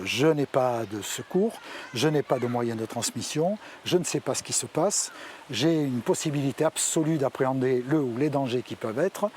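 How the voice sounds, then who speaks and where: A male fire officer recounts what he witnessed in a mid-range voice. His phrasing is halting, with words repeated as he goes. Faint ambient vehicle noise sits behind him. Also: mid-range voice, a little mellow. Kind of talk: recounting a testimony.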